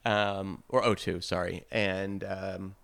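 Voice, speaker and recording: A man guesting on a casual podcast, his voice sitting a little low. He talks eagerly and agreeably, padding his recaps with fillers. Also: little pitch movement, slow pace, creaky, fairly bright tone. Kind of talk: casual chat.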